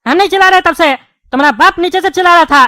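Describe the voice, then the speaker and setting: A woman's voice: extremely high pitch, very fast, bright, forceful tone, no echo, studio quality. A woman voicing a quarrelsome bald male politician in a cartoon, speaking in a scolding, name-calling manner. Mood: taunting. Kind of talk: cartoon dubbing.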